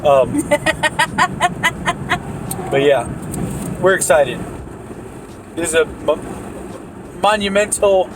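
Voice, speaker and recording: A man's voice: sits high, sing-song, drawn-out words, long pauses, background noise. A man talking casually to his camera as a vlogger, joking and punning as he rambles along. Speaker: vlogger documenting a land purchase. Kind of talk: casual vlog chat.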